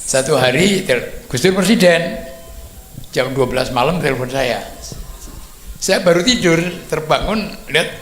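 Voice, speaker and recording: A man's voice: on the high side, expressive, unhurried, a bit bright. An older man telling humorous anecdotes as a guest speaker, chuckling often and acting out quoted dialogue. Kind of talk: anecdotal storytelling. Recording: echoey room, faint noise.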